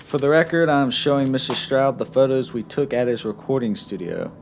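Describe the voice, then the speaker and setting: A man voicing a cold, stern male interrogator who talks slowly and sarcastically in a story reading. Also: mid-range voice, a little hiss or hum, voice pushed up, natural voice. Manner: slow, clipped, sarcastic.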